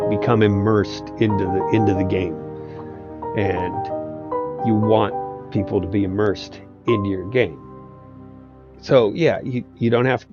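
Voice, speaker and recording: With a lowish, slightly mellow voice, this game master and video host drifts through casual tabletop advice, often hesitating and starting over. The recording is dry, dull and lo-fi, with faint music underneath.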